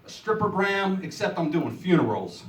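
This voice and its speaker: Crude stand-up comic from New Jersey. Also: male voice, high-pitched, sing-song, moderate pace. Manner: crude, profane storytelling. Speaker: stand-up comedian. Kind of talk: stand-up routine. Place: small club or coffeehouse stage. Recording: echoey room, mic heard from a distance.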